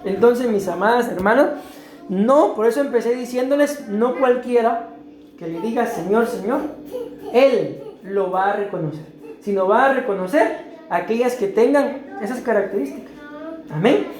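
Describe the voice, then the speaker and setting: A woman's voice: a little high, lively intonation, a little mellow, faint music behind. Costa Rican woman preaching in an echoey room. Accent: Costa Rican Spanish. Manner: explains slowly, asks the congregation questions. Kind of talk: sermon teaching.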